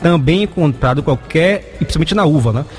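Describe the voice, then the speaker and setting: A man's voice: on the high side, lively intonation, a little fast, a little mellow. A Brazilian man giving explanatory health advice as an expert guest, didactic and often checking in with short tags. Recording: echoey room, music behind. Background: music.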